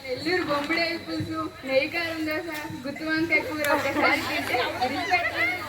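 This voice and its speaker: A woman in a comedy skit, boastfully listing dishes with loud exclamations. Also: high voice, expressive, fairly quick. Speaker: skit performer. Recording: echoey, far from mic, loud crowd and noise.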